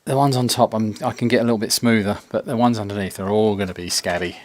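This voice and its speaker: Casting: man, lower pitch, dry close mic, relaxed self-mocking live-stream chat from a home workshop. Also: quick pace, no room sound. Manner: chatty, self-mocking, drops to near-whisper while concentrating. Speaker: maker streaming a pinball build. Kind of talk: casual live-stream chat while painting. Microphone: separate desk mic, not on camera.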